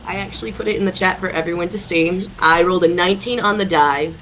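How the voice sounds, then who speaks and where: A woman's voice: lowish voice, quick pace, a bit bright, a little hiss or hum, rough recording. A woman chatting casually as a player in a tabletop game.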